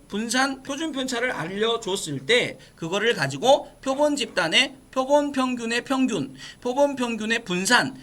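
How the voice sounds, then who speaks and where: A man's voice: extremely high pitch, a bit bright. A male math teacher giving a lecture, explaining step by step and often asking his students check-in questions.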